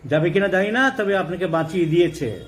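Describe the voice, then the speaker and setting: A middle-aged man giving a homeopathy lecture, emphatic, rising to forceful high stresses and mixing in English medical terms. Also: lively intonation, fairly quick, poor audio. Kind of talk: lecture with anecdotes. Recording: faint background noise.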